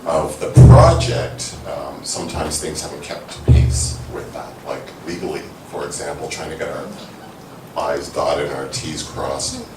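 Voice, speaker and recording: A man's voice: rumbling low, a little slow, loud music behind the voice. A man in the audience asking a hesitant question, with many fillers. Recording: distant mic in echoey hall, noise.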